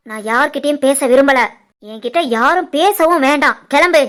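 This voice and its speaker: A woman voicing a sharp-tongued, scheming older mother in an animated family drama, with a Tirunelveli Tamil accent. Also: sits high, moderate pace. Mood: irritated. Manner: grumbling, scornful.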